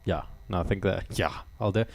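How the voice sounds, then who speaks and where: A man's voice: low voice, fairly quick, gravelly, a little mellow, a little hiss or hum. A man chatting casually with livestream viewers, laughing often, on a studio microphone at home. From South Africa. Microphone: studio dynamic microphone.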